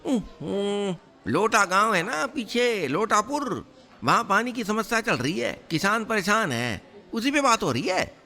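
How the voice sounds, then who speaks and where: A man voicing a sly young compounder who talks fast and makes up excuses in a raised, wheedling voice. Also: high voice, very animated, pushed and bright, voice pushed up, full character voice.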